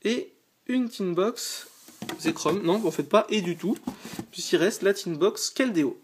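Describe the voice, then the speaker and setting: A man's voice: high-pitched, animated, unhurried, slight background noise. A tired man hosting a casual unboxing vlog from a small sofa indoors, talking eagerly and stopping often to hesitate. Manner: eager, chatty, frequent hesitations. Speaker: channel host.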